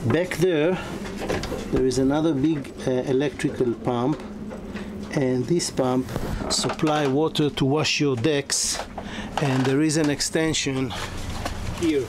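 Slow-talking man touring a sailboat. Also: mid-range voice, fairly even intonation. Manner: halting, many fillers and restarts. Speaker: yacht broker. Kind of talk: walkthrough tour. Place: inside a sailboat cabin. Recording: noisy ambience.

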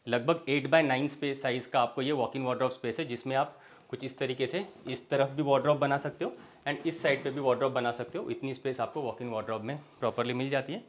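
A man's voice: mid-range voice, steady tone, brisk. Man, young adult, real estate walkthrough, inviting sales tone, indoors, phone camera. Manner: friendly sales patter, inviting viewer along. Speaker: real estate tour host. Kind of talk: property walkthrough. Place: indoors, large villa interior, walking room to room.

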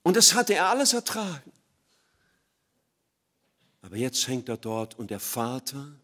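In this evangelistic sermon, the middle-aged preacher alternates between soft, low stretches and loud bursts of emphasis.

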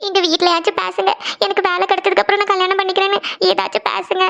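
A woman's voice: very high-pitched, little pitch movement, rapid-fire, vocal fry, pushed and bright, exaggerated voice. A woman voicing an anxious young woman in a cartoon who pleads through tears. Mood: fearful. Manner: pleading, tearful. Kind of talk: cartoon voice acting.

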